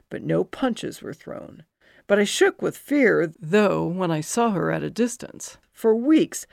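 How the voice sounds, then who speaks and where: Middle-aged woman, memoir reader: heavy vocal fry, lively low voice, unhurried, dry close sound. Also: no echo. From New Jersey. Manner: slow and expressive, swinging into high bursts for remembered feelings. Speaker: memoir narrator. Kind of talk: first-person memoir reading.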